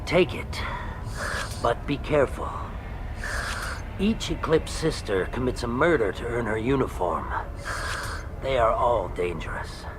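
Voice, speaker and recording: An actor playing a shifty, ingratiating alien merchant in a video game, with a slippery con-artist way of talking. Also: male voice, medium pitch, lively intonation, a little slow, long pauses, noisy background, natural voice. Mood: cooperative, cagey. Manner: slippery con-artist talk, feigned politeness, hedging.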